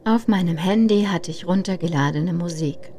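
A woman in her thirties tells her own travel story in the first person. Her voice sits somewhat low, and she narrates in a calm, reflective manner. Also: moderate pace, slight background noise. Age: 30s. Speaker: podcast narrator.

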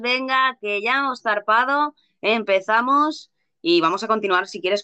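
A woman, co-hosting a live show in casual chat, relaxed and swearing freely. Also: mid-range voice, smooth, dry recording.

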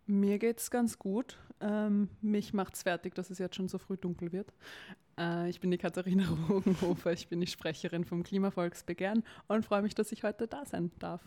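A young woman from Vienna, Austria, with a Viennese Austrian German accent, speaks casually as an interview guest and campaign spokesperson. Her warm, medium-pitched voice is fairly even and at normal speed. She is talkative, uses many fillers, and laughs occasionally.

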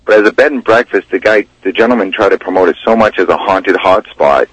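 Low husky man, rambling and folksy. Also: quick pace, a bit bright. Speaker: radio guest, local ghost investigator and tour guide. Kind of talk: casual radio interview chat about local history. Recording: dull, roomy, lo-fi radio line.

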